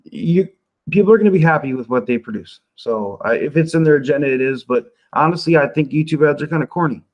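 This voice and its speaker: A man's voice: a little high, expressive, fast talker. Laid-back man on a lo-fi stream. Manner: laid-back, laughing often, loose filler-heavy talk. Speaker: company founder answering community questions. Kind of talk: casual livestream Q&A. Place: home office.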